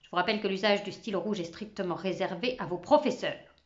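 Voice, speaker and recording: A woman voicing a strict male French teacher who dictates rules flatly. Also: medium pitch, quick pace, dull audio, voice pushed down, close to an everyday voice. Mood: stern.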